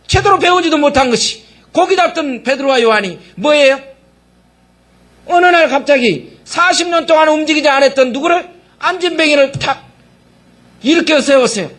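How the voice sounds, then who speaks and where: A man's voice: high-pitched, a bit bright. A male pastor preaching a sermon, firing rhetorical questions at the congregation and mockingly acting out quoted voices.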